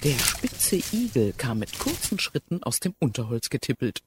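A man narrating a children's fairy tale in an expressive, animated way. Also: medium pitch, normal speed, background noise. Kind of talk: scripted storybook narration.

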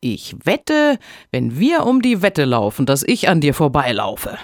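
A man's voice: on the high side, huge pitch swings, no room sound, studio quality. A man voicing a stubborn, cunning male hedgehog who talks in a pushy, emphatic way. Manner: pushy, emphatic, sometimes hurried.

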